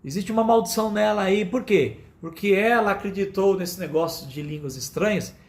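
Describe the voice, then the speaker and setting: Emphatic high-voiced Brazilian pastor preaching. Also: male voice, moderate pace. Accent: Brazilian Portuguese. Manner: emphatic, repetitive, addresses listeners as "amados". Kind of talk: sermon.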